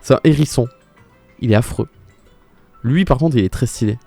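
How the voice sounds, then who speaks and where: A young male streamer with a mellow, dark-toned voice, chatting casually and exclaiming as he answers his viewers. Faint music plays behind him. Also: mid-range voice, normal speed, gravelly, dry recording. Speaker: live streamer. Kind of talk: casual live-stream commentary.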